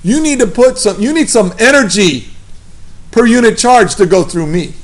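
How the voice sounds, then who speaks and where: Pushy tough-talking resistor figure, put on by a man, high and gravelly. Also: lively intonation, moderate pace. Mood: taunting. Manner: pushy, taunting. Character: grumpy resistor with a tough-guy accent.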